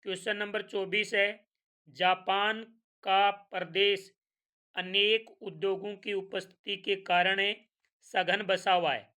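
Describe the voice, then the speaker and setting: Woman, Hindi accent, teacher, revision lesson, slow, bright, repeats answers. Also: mid-range voice, steady tone.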